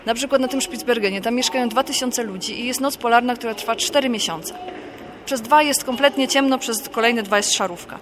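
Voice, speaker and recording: A Polish woman appears as a guest author, responding to interview questions in a slightly high voice. She is thoughtful and unhurried, explaining things carefully, with some background noise behind her.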